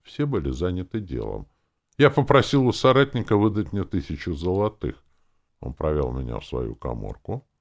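Guy narrating an audiobook, really deep and gravelly, swoops around a lot. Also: very animated, normal speed. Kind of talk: first-person audiobook narration.

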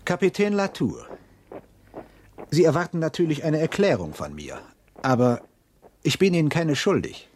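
Husky, imperious Marquis de Sade. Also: male voice, a little high, very animated, normal speed, long pauses, darkish tone. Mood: haughty, cold. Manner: imperious, agitated, secretive. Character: agitated, haughty French marquis in travelling coat. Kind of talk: radio drama acting.

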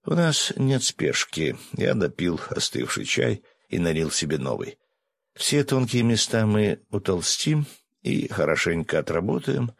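Deep-voiced expressive male narrator. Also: a little slow, gravelly, slightly rough, no room sound. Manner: expressive, animated reading. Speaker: audiobook narrator. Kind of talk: scripted audiobook narration.

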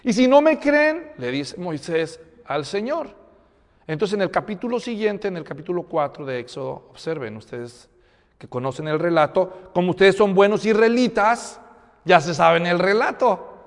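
A man preaches in a slightly raised voice. He moves between loud emphasis and quiet low phrases, asking his listeners questions. His voice carries a long reverb from a large church hall. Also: normal speed. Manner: expressive, rising to loud emphasis and dropping low. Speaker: preacher teaching the Bible. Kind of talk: sermon.

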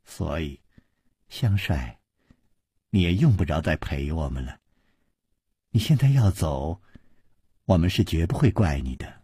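一位男说书人扮演一位妩媚大方的年轻女子，语气温柔带点调侃。. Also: male voice, medium pitch, wildly swooping pitch, unhurried, dark tone, husky, dry recording, studio quality, full character voice. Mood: teasing. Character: charming gracious young woman.

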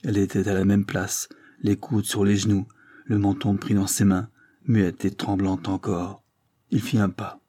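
A male audiobook narrator with a low, dark and husky voice. He reads a classic novel in a measured, even manner. The recording is close and dry. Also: no room sound. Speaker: audiobook reader.

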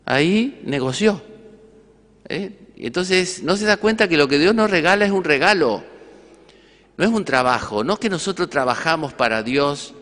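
A man's voice: a little high, lively intonation, moderate pace, fairly bright tone, big-room sound. A male priest with an Argentine accent giving a conversational sermon, often asking rhetorical questions. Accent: Argentine Spanish. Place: church.

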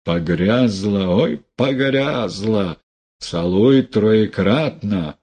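Male reader as a fanatical backwoods prophet; slow, preachy drawl, dark and husky. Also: lowish voice, animated, full character voice. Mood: menacing preaching. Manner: drawling rustic dialect, preachy, threatening. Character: fanatical self-styled male prophet, menacing.

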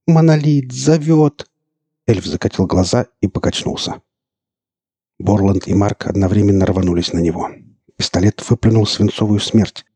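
A man narrates a novel in an even, measured way. His voice is very low and dark, with a husky grain. The recording is dry and close. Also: no echo. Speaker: audiobook narrator. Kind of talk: scripted narration.

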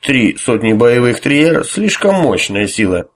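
A man voicing a drunk, arrogant high priest who drawls and hesitates. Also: big pitch swings, a little slow. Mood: blustering. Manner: slurred, drawling, with hiccups and hesitations.

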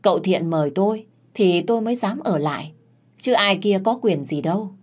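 A woman's voice: medium pitch, lively intonation, normal speed, darkish tone, lightly acted. A woman voicing a petty middle-aged mother who snipes snidely. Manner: snide, sniping.

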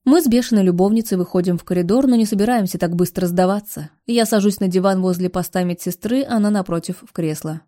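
Warm-voiced woman reading an audiobook. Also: medium pitch, fast talker, few pauses. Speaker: audiobook narrator. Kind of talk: first-person audiobook narration.

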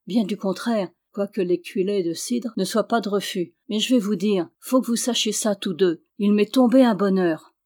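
A woman's voice: mid-range voice, normal speed, few pauses, dark tone, lightly acted. A woman voicing a timid young male peasant suitor in an audiobook, speaking humbly and stammering. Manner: humble, stammering country speech. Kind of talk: audiobook character reading.

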